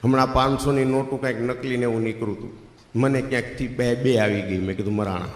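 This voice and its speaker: Gujarati comedian in an echoey hall. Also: male voice, mid-range voice, fast. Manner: lively, bursts into loud acted quotes. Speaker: stand-up comedian. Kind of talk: Gujarati folk comedy storytelling.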